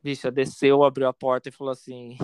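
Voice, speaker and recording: A man's voice: mid-range voice, completely flat delivery, a little fast, clean tone, dry recording. A Brazilian man from São Paulo state with a Brazilian accent. He tells an anecdote in a casual chat, campy and dramatic, full of slang asides. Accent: Brazilian Portuguese. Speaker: podcast storyteller.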